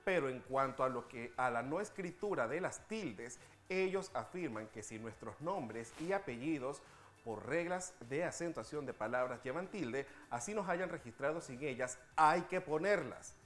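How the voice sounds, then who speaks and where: A man hosting a TV language segment, patiently explaining spelling rules and slowing down to spell out examples. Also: mid-range voice, expressive, fairly bright tone, faint music behind.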